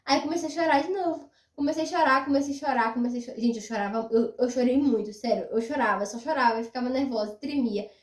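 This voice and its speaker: A young woman with a high, bright-sitting voice chats animatedly to her viewers, repeating her words for emphasis. She sounds a little off-mic, in a room with a noticeable echo that lingers around her. Her delivery is loose, personal storytelling. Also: fast, few pauses. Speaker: vlogger. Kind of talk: casual storytelling to camera. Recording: roomy echo, mic at a distance.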